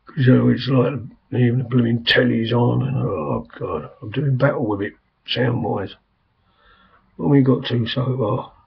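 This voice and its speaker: Hoarse older man with a rough, croaky voice. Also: mid-range voice, fairly even intonation, unhurried. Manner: rambling, chatty, frequent "I mean" and "um". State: hoarse, coughs, voice strained. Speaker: vlogger. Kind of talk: casual video message. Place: quiet home room. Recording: dull lo-fi home recording.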